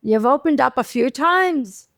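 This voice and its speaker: A woman's voice: high voice, expressive, a little slow, fairly bright tone, heavily acted. A woman voicing a blunt, weary older woman who scolds in a fed-up, bossy way.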